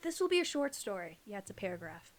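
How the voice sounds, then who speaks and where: A fast-talking, very animated woman with a mid-range voice co-hosts a casual reading of online horror stories. She chats with her co-host and teases in playful banter.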